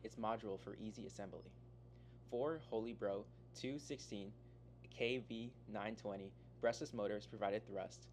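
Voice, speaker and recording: A man's voice: on the low side, a little mellow, slight background noise. A teenage boy from Florida reading a scripted presentation, listing technical parts. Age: teens. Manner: reads technical lists. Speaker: student presenter.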